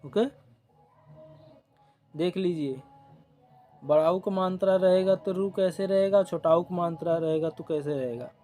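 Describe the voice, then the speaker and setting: Slow, high-voiced male exam teacher. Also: dark tone, faint music behind. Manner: repeats definitions slowly, checks in with "ok", "theek". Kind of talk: exam coaching lesson.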